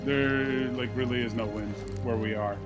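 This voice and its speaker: A man playing a game with friends, chatting casually and matter-of-factly. His mid-pitched voice sits under loud game music. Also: steady tone, moderate pace. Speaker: streamer playing in a group. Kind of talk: casual gaming chat.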